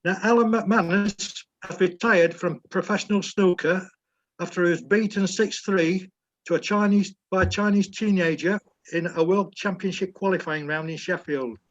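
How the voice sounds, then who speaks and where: A high-voiced man reads the week's sports news to his group, steady and plain, fixing his own slips. The video call sound is dull and muffled. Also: moderate pace. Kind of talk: reading sports news aloud.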